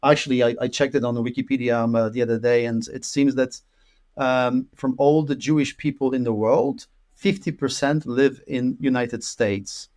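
During a relaxed video-call interview, a man in his thirties from Poland talks from a room at home with an orange wall. His mid-range voice is darkish and steady, moving at a moderate pace. He tends to ramble, repeating words and using lots of fillers.

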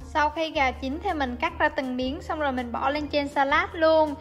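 High-voiced chatty woman. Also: normal speed. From Vietnam. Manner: chatty, friendly step-by-step explaining. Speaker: cooking vlogger. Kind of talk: casual cooking voice-over. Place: home kitchen. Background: soft background music.

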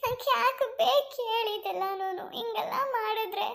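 A woman's voice: very high-pitched, normal speed, vocal fry, a bit bright, voice pushed up, exaggerated voice. A woman with a Kolar Kannada accent voicing a worried village woman who is short of money and pleads and complains.

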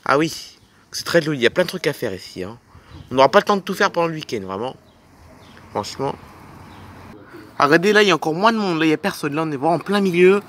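Man narrating a toy film, slightly high. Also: lively intonation, fast, pauses often, a bit bright. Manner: enthusiastic, pointing things out, repetitive.

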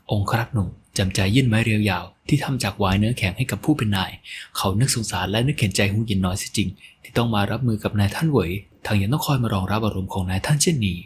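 Narrator: male, low voice, dramatic scripted reading, faint hiss behind. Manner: dramatic storytelling. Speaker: audio novel narrator.

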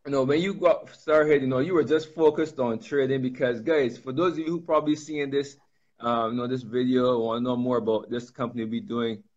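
A man in his thirties hosting a casual video-call interview, energetic, hyping his guest and saying "you know" a lot. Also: medium pitch, brisk. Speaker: host, interviewer. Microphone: webcam or phone on a video call. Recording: slightly muffled video-call audio.

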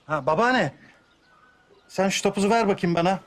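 A man's voice: high-pitched, moderate pace, fairly bright tone. An actor playing a young husband who evades and soothes his upset wife in a TV drama. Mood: placating. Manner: soothing, evasive. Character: harried young husband, placating, evasive. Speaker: son and husband. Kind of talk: TV drama acting.

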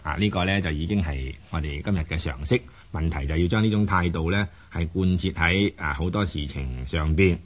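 Hosting a programme, a man with a low voice explains things off the cuff, in a teaching manner that stalls and often repeats words.

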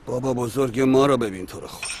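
A man's voice: mid-range voice, slight background noise, close to an everyday voice. A man dubbing a sarcastic, defensive brother-in-law.

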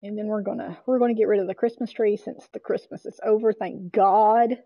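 A woman's voice: mid-range voice, steady tone, brisk, no room sound, highs cut off. A woman streaming a game, chatting casually and coaxing her game characters, with mild swearing. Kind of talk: casual gameplay commentary.

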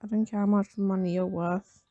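A woman who has just woken up, with a slightly raspy morning voice, giving casual commentary while playing a game. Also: medium pitch, fairly even intonation, moderate pace, dark tone, dry recording, highs cut off, soft background music. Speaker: gamer narrating gameplay.

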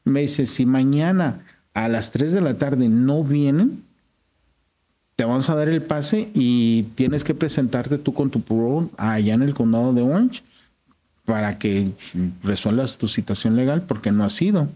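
Male guest, Mexican accent, warm, even pitch, slangy storyteller. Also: unhurried. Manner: slangy, acts out quoted dialogue. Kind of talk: casual storytelling.

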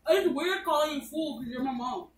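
A woman's voice: sits high, fairly quick. A young woman co-hosting a casual family chat at home, laughing often and joking back and forth. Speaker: co-host, the host's daughter. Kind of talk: casual family chat, mock tough-girl slang. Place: home, indoors. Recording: echoey room, far from mic, faint hiss.

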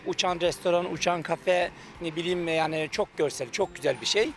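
Interviewed on camera outdoors by a beach, beneath trees, a middle-aged Turkish cafe manager speaks into a handheld reporter mic in a slightly high, fairly bright voice. He's hesitant and stretches out his fillers but states things with confidence; a little hiss or hum is audible.

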